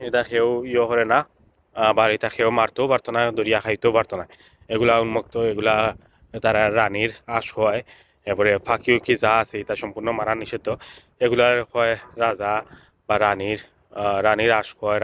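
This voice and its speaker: A man's voice: on the low side, a bit bright, a little hiss or hum. Sylheti-accented man vlogging outdoors. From Sylhet, Bangladesh. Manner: chatty, repetitive, with many filler sounds. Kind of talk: casual vlog narration. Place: outdoors by a lake.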